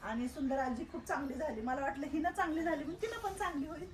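A woman's voice: sits high, fast talker, a crowd in the background. Soothing woman in an echoey room. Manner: soothing, coaxing, repeats herself. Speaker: old age home caretaker. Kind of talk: casual reassuring talk to residents. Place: old age home, indoors, roomy.

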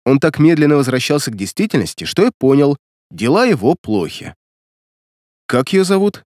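Male audiobook narrator, ironic first-person read, expressive, dead-dry studio. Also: mid-range voice, a little fast, no room sound. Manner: wry, ironic storytelling.

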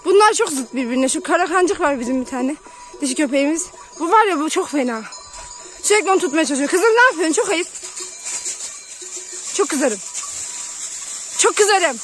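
Woman, high voice, outdoor herding vlog, calls to animals, phone camera. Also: animated, fast talker, faint music behind. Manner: calls and shouts to dogs and flock, chatty asides. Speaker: shepherd vlogger. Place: outdoors in open pasture.

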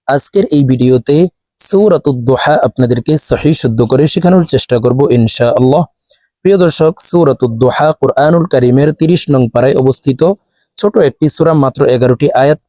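A man's voice: mid-range voice, a little mellow, no room sound, studio quality. Man teaching Quran recitation, spelling letters. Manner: addresses viewers as dear viewers, spells letters and vowel marks aloud. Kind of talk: spelling-out tajweed lesson with slow chanted recitation.

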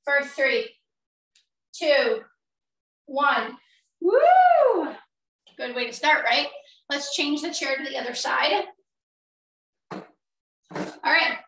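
A middle-aged woman leading a workout as an energetic aerobics instructor, counting and cueing while exercising along. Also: sits high. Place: small indoor home gym. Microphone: far camera a few metres away. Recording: roomy echo, distant microphone.

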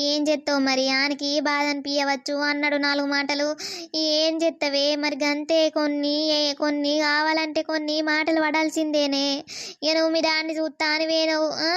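A woman voicing a bossy middle-aged village mother-in-law who lectures and scolds rapidly. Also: sits high, a bit bright, no room sound. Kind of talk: cartoon voice acting. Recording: slightly dull lo-fi sound.

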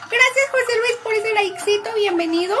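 A woman's voice: extremely high pitch, moderate pace. A young woman chatting casually on a live stream, upbeat and greeting and thanking viewers by name. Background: music.

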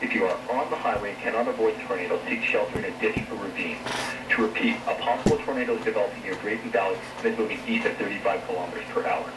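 Low-voiced man, quick storm warning through a TV speaker, heard from across an echoey room, noisy. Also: far from the mic. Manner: steady, formal warning delivery. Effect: played back through a TV loudspeaker. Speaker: severe weather meteorologist. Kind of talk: emergency weather bulletin.

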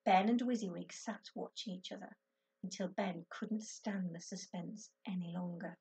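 A woman teacher reading a children's book aloud to her class, with clear, expressive storytelling. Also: on the low side, moderate pace, distant mic.

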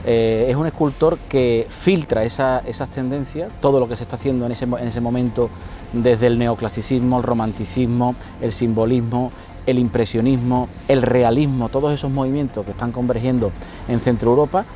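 Middle-aged male painter guest, mellow timbre, hesitant and measured, recorded outdoors. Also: mid-range voice, steady tone, faint music behind. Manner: measured, explanatory, with many hesitant "eh" fillers. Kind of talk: outdoor conversation about art. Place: city square outdoors.

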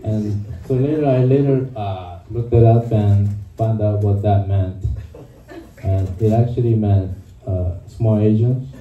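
A man's voice: lowish voice, measured pace, noisy background. Hesitant young man doing stand-up, from far back. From Korea. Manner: hesitant, lots of ums and uhs. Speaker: stand-up comedian. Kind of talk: stand-up set. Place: small comedy club stage. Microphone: handheld mic, filmed from the audience. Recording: muffled, distant, echoey club from the crowd. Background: audience laughter and room ambience.

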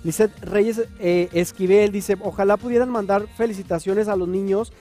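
A man's voice: sits high, fairly even intonation, normal speed, warm tone, soft background music. A man co-hosting a live morning TV show, joking playfully and reading viewer messages aloud, with a Northern Mexican accent. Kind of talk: lively morning TV chat. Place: TV studio.

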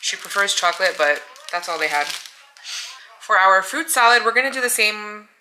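An American woman talks casually to her viewers, thinking aloud with plenty of fillers and a tired edge. Household noise runs clearly behind her voice. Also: medium pitch, lively intonation, normal speed. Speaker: vlogger. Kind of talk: casual chat.

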